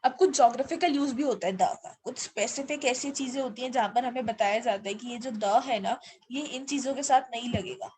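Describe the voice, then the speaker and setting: A woman with an Indian accent teaching English grammar, slowly spelling out example words and switching between Hindi and English. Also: fairly high pitch, darkish tone, slight background noise. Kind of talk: explanatory lesson mixing Hindi and English.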